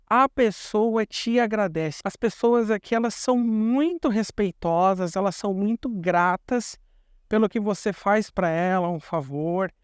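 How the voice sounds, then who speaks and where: A man's voice: sits high, measured pace, smooth, dry recording, studio quality. A young Brazilian man with a Brazilian Portuguese accent, explaining things in a chatty vlog and repeating words for emphasis. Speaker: vlogger.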